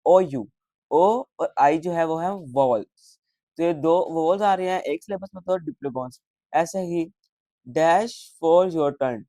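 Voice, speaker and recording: Slow, measured male teacher. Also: fairly high pitch, a little mellow, no echo, clean studio sound. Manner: slow, spells out words letter by letter; repeats English lines then translates them. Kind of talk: explaining a textbook exercise.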